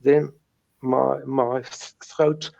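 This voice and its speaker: A middle-aged interview guest, a native Afrikaans speaker with a South African accent, very slowly describes his recovery from stuttering. His mid-range voice is gravelly and darkish with little pitch movement, and he repeats words and sounds as he stutters.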